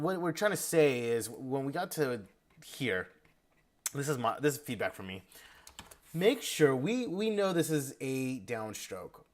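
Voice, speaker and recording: Male drum instructor, energetic feedback delivery, sings rhythms, mid pitch. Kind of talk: video lesson feedback.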